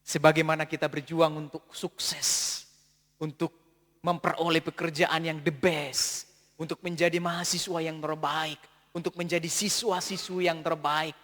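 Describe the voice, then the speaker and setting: A man preaching a sermon, emphatic and repetitive, swinging between soft passages and shouts. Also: on the high side, flat delivery, a little slow. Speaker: pastor. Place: church hall. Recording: long church hall reverb.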